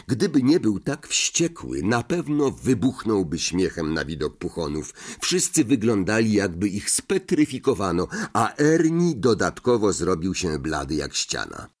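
A man narrating a novel in an expressive audiobook style. His voice sits low, yet his intonation rises and falls in a lively, animated way. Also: unhurried. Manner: expressive storytelling.

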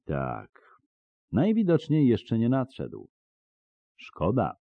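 A man voicing a grave, solemn old swordsmith in an audiobook, speaking in slow, measured tones. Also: medium pitch, huge pitch swings, creaky, no echo, narrow, tinny audio, pitched above the performer's own voice, full character voice. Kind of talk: audiobook character voice.

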